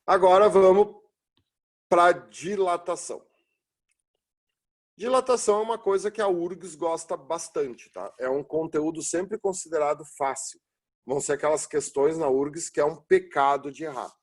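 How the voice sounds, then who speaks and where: A man's voice: fairly high pitch, moderate pace. A man teaching a recorded physics lesson, talking informally and explaining step by step by asking and then answering his own questions. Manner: informal and encouraging, with frequent tag questions. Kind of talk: recorded classroom lecture.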